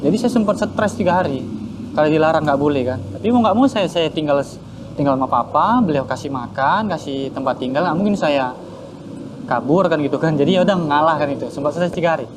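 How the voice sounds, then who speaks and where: A man telling his personal conversion story in a casual interview, animated and acting out his parents' voices. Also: on the high side, a little fast, noisy background. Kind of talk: casual spoken testimony.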